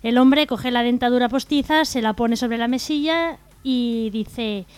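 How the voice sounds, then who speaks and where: A young woman co-hosting a community radio humor show, telling jokes in a brisk, matter-of-fact way. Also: on the high side, no room sound.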